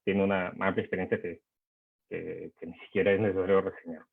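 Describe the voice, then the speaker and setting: Low-voiced man moderating over a tinny call. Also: little pitch movement, gravelly, breathy edge. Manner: measured, hesitant with frequent fillers. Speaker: moderator of a panel discussion. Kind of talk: formal introductions of panelists. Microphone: video call. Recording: tinny phone-like online call audio.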